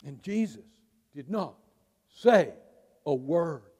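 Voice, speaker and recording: High-voiced preacher in an echoing hall. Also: male voice, animated, darkish tone, husky. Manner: emphatic preaching with dramatic pauses. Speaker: pastor. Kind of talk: sermon. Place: church sanctuary. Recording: long reverb of a large hall.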